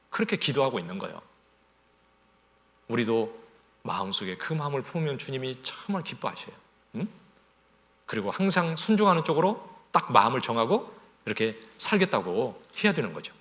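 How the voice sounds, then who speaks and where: A man's voice: mid-range voice, big pitch swings, normal speed, a bit bright. A male pastor giving a Sunday sermon in a conversational way, often asking the congregation rhetorical questions and acting out everyday scenes. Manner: acts out everyday scenes in small voices.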